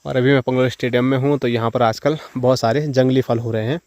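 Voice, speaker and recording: A man's voice: mid-range voice, steady tone, fast, a little mellow, no room sound. A man chatting to his viewers while walking outdoors in a forest. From Himalayan hills of northern India. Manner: chatty, addresses viewers directly. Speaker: village vlogger. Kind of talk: casual walk-and-talk vlog. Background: insects and rural outdoor sounds.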